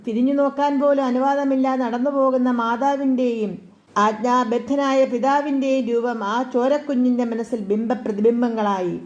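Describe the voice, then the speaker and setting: A woman narrating a literary folk tale in a deliberate, careful reading style. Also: a little high, a little mellow, muffled recording. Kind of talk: storybook narration.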